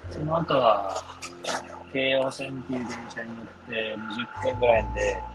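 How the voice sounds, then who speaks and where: A man's voice: medium pitch, steady tone, normal speed, background noise. A tired man hosting a casual podcast chat, recorded aboard a moving train. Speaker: podcast host.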